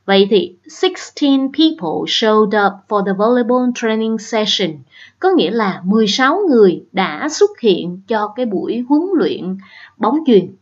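A woman's voice: fairly high pitch, highs cut off. Southern Vietnamese woman teaching English. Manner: patient step-by-step explaining with check-in questions. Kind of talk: exam prep lesson.

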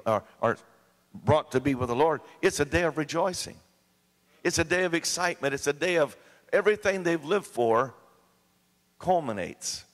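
A man preaches in a church sanctuary, his voice sitting a little high for a man. He moves between hushed, low storytelling and rising, climactic exhortation, and a long reverb trails behind every phrase. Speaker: pastor. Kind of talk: sermon.

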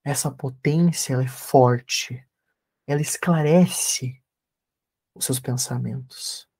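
A man teaches an online workshop over a video call, then leads a guided meditation. He speaks unhurriedly in a dark, mellow voice. His instructions are calm and repetitive, with a therapist's steady focus. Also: medium pitch, slow, husky. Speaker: therapist leading an energy workshop.

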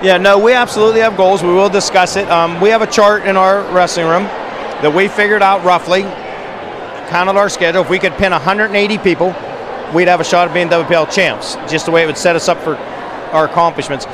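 A middle-aged man, a wrestling coach, giving an animated postgame interview into a handheld mic in a high school gym. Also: fairly quick, a crowd in the background. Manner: animated, gesturing while standing. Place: high school gym, large indoor space. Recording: noisy gym background.

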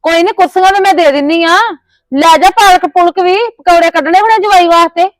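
A woman's voice: very high voice, steady tone, a little fast, no room sound. A woman playing a neighbour who scolds and taunts with sarcasm in a family drama. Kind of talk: Punjabi village family drama acting.

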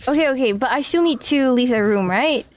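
A woman's voice: high-pitched, expressive, fairly quick, faint music behind. A woman streamer with a cute anime-streamer manner, chatting casually and in confusion as she plays a game.

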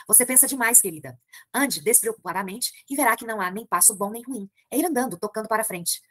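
A woman's voice: fairly high pitch, animated, fast, fairly bright tone, dry recording, pitched above the performer's own voice. A Brazilian woman reading a novel aloud, voicing a carefree woman who speaks with easy irony. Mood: ironic. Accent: Brazilian Portuguese. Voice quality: ironic, easygoing. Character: relaxed ironic woman, carefree older sister.

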